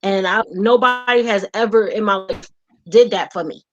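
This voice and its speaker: A woman's voice: medium pitch, moderate pace, muffled recording. Candid woman sharing her story. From United States. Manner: candid, acts out quotes. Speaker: guest, wife. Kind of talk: personal storytelling.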